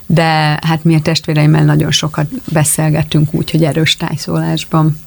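A woman speaking with a light Tard regional Hungarian accent, a guest telling stories with animated, lively enthusiasm in a relaxed radio interview. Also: sits low, gravelly. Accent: Tard regional Hungarian dialect. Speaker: guest, founder of a design business. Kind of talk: casual radio interview talk. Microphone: studio microphone.

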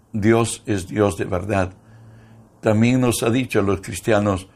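A man with a fairly low voice preaches a Bible study at an unhurried, deliberate pace. He reads scripture aloud in a measured, steady way. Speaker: pastor.

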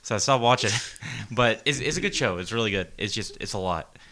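A man's voice: fairly low pitch, animated, a little fast, bright, forceful tone. A man co-hosting a podcast, explaining at length in rambling, profane casual chat. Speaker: podcast co-host.

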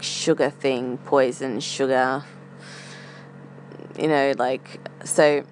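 A woman podcast host thinking aloud in a casual, reflective monologue, with some hesitancy as she feels for words. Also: sits low. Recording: faint air conditioner hum. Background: humming air conditioner.

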